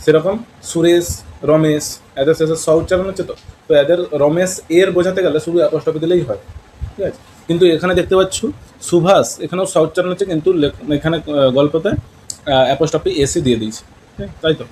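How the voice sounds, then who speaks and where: A man's voice: fairly high pitch, steady tone, brisk, darkish tone, slight background noise, poor audio. A man teaching an English lesson in Bengali with a West Bengal accent, mixing in English words and questioning his students. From West Bengal, India.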